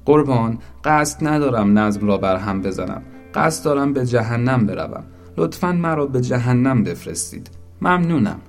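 A man voicing Little Zoraq, a small, stubborn soul who pleads loudly and insistently. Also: medium pitch, faint music behind, pitched above the performer's own voice, lightly acted. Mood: respectful, sad.

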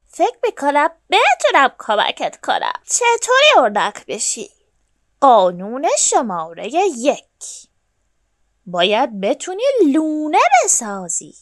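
A woman voicing a cheerful, bossy duck in a children's storybook, talking loudly in a sing-song, instructing way. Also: high-pitched, no room sound, studio quality.

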